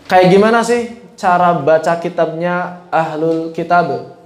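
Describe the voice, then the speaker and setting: A man teaching a Quran recitation class in a relaxed, conversational way, often putting questions to his students. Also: high-pitched, a little slow, roomy sound. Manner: asks the class questions, mixes casual speech with chanted Arabic. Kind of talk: informal religious lesson.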